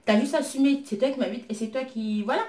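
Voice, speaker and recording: Casual storyteller woman, higher voice, animated and indignant, roomy echo. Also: fast talker. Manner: lively, indignant retelling of her own exchanges.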